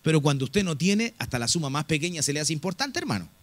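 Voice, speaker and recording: A man's voice: on the high side, very animated, quick pace, dry recording. A middle-aged man, a pastor preaching earnestly and telling a personal story to his congregation, often calling them brother. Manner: earnest, often addresses listeners as "hermano".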